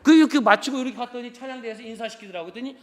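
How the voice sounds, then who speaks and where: A male pastor with a notably high voice tells stories from the pulpit and acts out each conversation, swinging from loud emphatic bursts to low muttered asides. His words ring out with the long reverb of a church sanctuary. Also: very fast. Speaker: guest pastor. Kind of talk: storytelling sermon with testimony.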